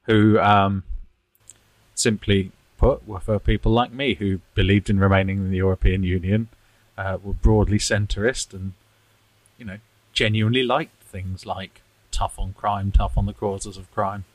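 A man's voice: on the low side, fairly even intonation, measured pace, dry recording, poor audio. A man co-hosting a podcast, talking in a rambling, self-deprecating way and chuckling often. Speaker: podcast co-host. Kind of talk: casual political chat.

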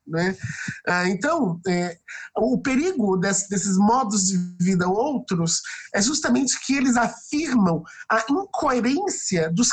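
Woman guest, husky voice, thoughtful interview talk. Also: on the high side. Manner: thoughtful, frequent tag questions. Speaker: guest writer and researcher. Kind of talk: reflective podcast interview answer.

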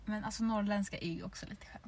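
A woman's voice: mid-range voice, steady tone, darkish tone, distant mic, a little hiss or hum. An eighteen-year-old woman from Sweden co-hosting a podcast in giggly, rambling casual chat. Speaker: podcast co-host.

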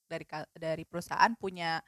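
A woman's voice: low voice, steady tone, a little fast, fairly bright tone, no echo, clean studio sound. A woman talking casually as a guest expert, agreeing readily with the others. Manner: agreeable, backchannels often. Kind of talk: casual chat.

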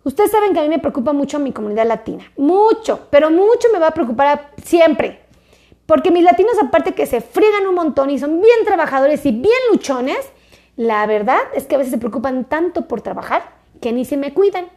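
High-voiced and a little fast, this woman has a dark tone and lively intonation. She's a doctor and health video creator talking casually to viewers on camera, repeating herself and gently urging them along.

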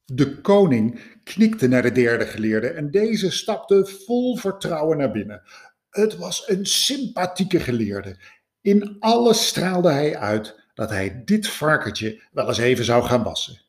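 A man narrating a fairy tale in an expressive storytelling manner. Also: a little high, takes it slowly. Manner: expressive, lively.

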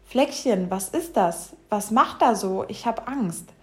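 A woman doing a gentle old mole. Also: mid-range voice, lively intonation, takes it slowly. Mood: timid. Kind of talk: storybook reading.

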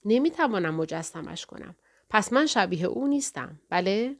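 A woman's voice: mid-range voice, expressive. A woman voicing a frail, pale young boy who asks plaintive questions in an audiobook. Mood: wondering.

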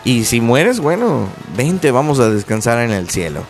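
A man putting on the voice of God as a calm, gentle, fatherly figure who speaks slowly and soothingly. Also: medium pitch, faint music behind. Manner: soothing, slow, reassuring.

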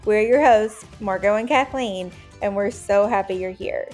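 A woman's voice: mid-range voice, moderate pace, a little mellow, soft background music. A woman hosting a podcast, reading a welcoming, upbeat introduction. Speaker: podcast host.

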